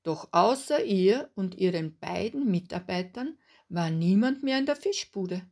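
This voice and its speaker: A woman narrating a story in a calm, even read-aloud manner. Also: mid-range voice, unhurried.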